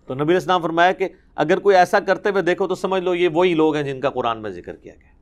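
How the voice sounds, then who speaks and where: A man giving a Quran commentary lecture, explaining verses, reciting Arabic and asking rhetorical questions. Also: fairly high pitch. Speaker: Islamic preacher.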